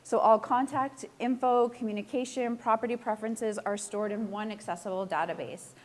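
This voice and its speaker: Her voice nearly gone and hoarse, a real estate agent keeps things chatty and self-deprecating during a casual live presentation, putting questions to the room. She speaks at a normal speed in a slightly high, steady tone.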